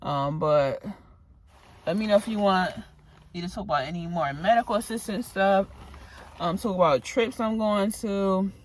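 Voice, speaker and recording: A woman's voice: medium pitch, normal speed. A woman vlogger who works as a medical assistant, chatting casually with advice, rambling from topic to topic and sounding tired and a bit out of breath. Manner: rambling, drifting between topics. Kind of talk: casual advice talk to camera.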